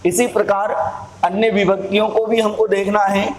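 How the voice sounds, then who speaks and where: A man explains grammar at a slow, unhurried pace, his voice pitched high and held level with little rise or fall. He repeats points patiently and clears his throat from time to time. The room is echoey, with a faint hum of ambient noise behind him. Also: little pitch movement. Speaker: Hindi grammar teacher.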